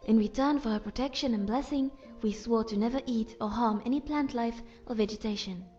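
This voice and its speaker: A woman voicing a polite, curious young wood elf archer, measured and courteous, as game companion dialogue. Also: on the high side, a little mellow, muffled recording, faint music behind, natural voice. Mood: matter-of-fact.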